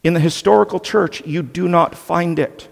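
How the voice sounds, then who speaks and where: A man's voice: fairly high pitch, moderate pace, vocal fry, long reverb tail. A male pastor delivering an earnest, emphatic sermon, often restarting his phrases.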